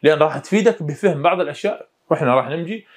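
A man with an Iraqi Arabic accent giving a university phonetics lecture in casual dialect, slowing right down to dictate definitions word by word. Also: a little high. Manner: explains in colloquial dialect, slows right down to dictate English definitions. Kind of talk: recorded lecture.

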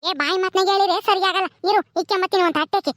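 A woman's voice: very high-pitched, fairly even intonation, rapid-fire, no room sound. A woman playing a poor village mother, scolding her hungry daughter in a village skit. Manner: scolding, loud and exasperated. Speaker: actor in a village drama.

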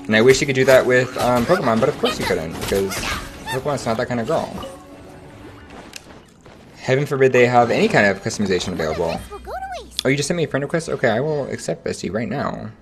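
A young man streaming a game, chatting casually with viewers in an animated, slangy way. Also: mid-range voice, fast, over music. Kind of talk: casual livestream chat.

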